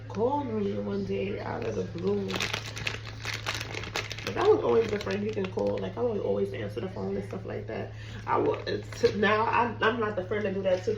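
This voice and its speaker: In her home kitchen, a hoarse cooking vlogger who is sick and losing her voice chats casually to camera in a mid-range voice. She sounds chatty and apologetic, addressing viewers as "guys." The audio has a noisy background, roomy echo and a far-off mic.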